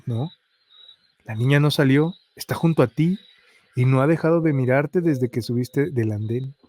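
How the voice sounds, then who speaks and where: A man reading the lines of a calm, serious woman station supervisor who sees ghosts. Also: mid-range voice, normal speed, lightly acted. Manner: serious, steady.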